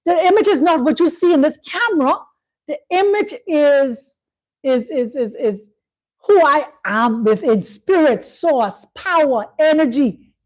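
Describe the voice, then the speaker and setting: A woman's voice: high voice, lively intonation, measured pace, a little mellow, low-quality recording. A woman hosting a spiritual talk, speaking in a preachy way, repeating phrases and checking in with "you see?". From Bahamas. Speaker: host. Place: Kenya.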